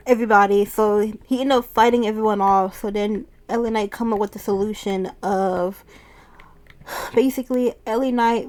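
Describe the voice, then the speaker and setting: A woman talking through a wrestling show in a relaxed, chatty recap and laughing now and then as she goes. Her voice is warm and mellow at an ordinary pitch for a woman. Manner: chatty, laughs often while retelling. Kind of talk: casual recap talk.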